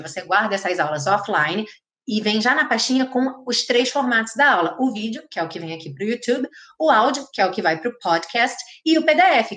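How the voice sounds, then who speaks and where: A Brazilian woman runs a live English class online, talking quickly and lively between slow, careful repetitions of sample phrases. Her voice sits at an ordinary middle pitch for a woman. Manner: lively, explains pronunciation and models phrases slowly. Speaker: English teacher.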